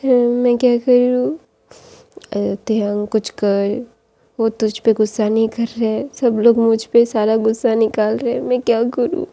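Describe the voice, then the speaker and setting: A woman's voice: a little high, level tone, unhurried, warm tone. A woman voicing a distressed father who scolds and then pleads that everyone is ignoring him. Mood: pleading. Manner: pleading, self-pitying.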